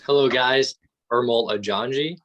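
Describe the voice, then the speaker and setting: A man's voice: mid-range voice, fairly bright tone. Eager young man. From Albania. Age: young adult. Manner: eager, enthusiastic, talks quickly in short bursts. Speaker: guest, real estate student. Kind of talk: casual interview answers.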